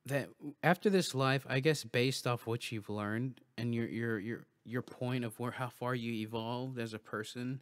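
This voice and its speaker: A man's voice: medium pitch, fairly even intonation, measured pace, few pauses, dry recording, clean studio sound. A man hosting a livestream, talking casually and musing aloud with loose restarts and swearing. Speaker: livestream host. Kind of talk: casual rambling monologue.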